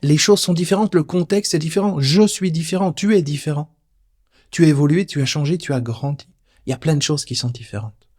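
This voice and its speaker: Playful man teaching with a fairly high voice. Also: a little fast, a little mellow. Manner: talks directly to the listener, informal and playful. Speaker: personal development teacher. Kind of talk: casual spoken teaching video.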